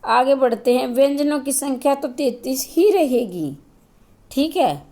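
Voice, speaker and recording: A woman's voice: sits high, animated, unhurried, warm tone. A woman teacher giving a grammar lesson, explaining step by step, asking and answering her own questions, and repeating key points to her students. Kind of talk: classroom-style grammar lesson.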